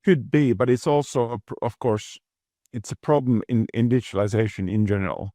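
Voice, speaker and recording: A man speaking as a guest executive in a business interview, measured and thoughtful, often restarting and repeating words. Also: medium pitch, dark tone, dry recording, clean studio sound.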